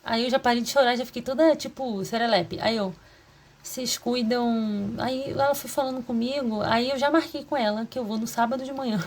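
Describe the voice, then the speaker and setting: Woman rambling in a confessional diary vlog. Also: on the high side. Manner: confessional, rambling, with quick asides. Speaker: vlogger.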